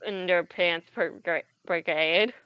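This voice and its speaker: A woman's voice: fairly low pitch, steady tone, slow pace, clear, resonant tone, no room sound. A woman co-hosting a game playthrough with casual chat, recorded a little dully. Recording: slightly dull, lo-fi mic.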